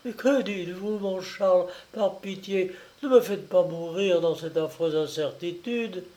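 A man's voice: a little slow, darkish tone. A man putting on a dying duchess in anguish. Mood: pleading. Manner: high, pleading, anguished cries. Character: dying poisoned old mother, a duchess, anguished.

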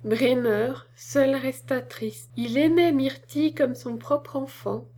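A woman narrating a classic tale as an audiobook, reading in a measured storytelling manner. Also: high-pitched, steady tone, dark tone, breathy edge.

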